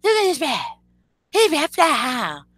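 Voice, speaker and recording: A woman's voice: high voice, wildly swooping pitch, measured pace, a bit bright, no room sound, studio quality, pitched above the performer's own voice, exaggerated voice. A woman putting on a sarcastic sing-song voice, mocking a gushing woman who hypes a rap.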